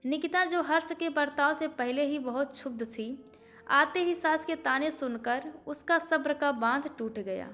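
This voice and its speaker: Reading a scripted moral tale about family for an audiobook, this female storyteller has a high-pitched, fairly bright voice and keeps a measured pace. Soft music can be heard faintly behind her.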